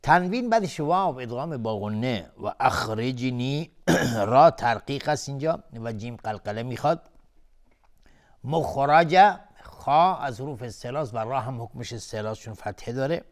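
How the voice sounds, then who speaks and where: Man, mid-pitched voice, TV recitation teacher, explains tajweed rules, repeats words to demonstrate. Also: lively intonation. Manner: recites verses slowly, then explains rules at brisk pace. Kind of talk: televised tajweed lesson.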